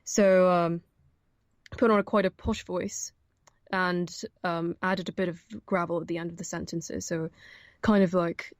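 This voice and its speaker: Chatty young woman, low voice, dry sound. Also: flat delivery, measured pace, dry recording. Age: young adult. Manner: chatty, many fillers and restarts, laughs often. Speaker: audiobook narrator, guest. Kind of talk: casual interview chat.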